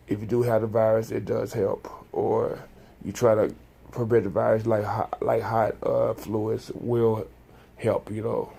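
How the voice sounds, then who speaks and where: A man vlogging to his channel, reading a news item and then talking casually, sleepy and just woken up, with many halting restarts and fillers. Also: mid-range voice, creaky, mellow, slight background noise.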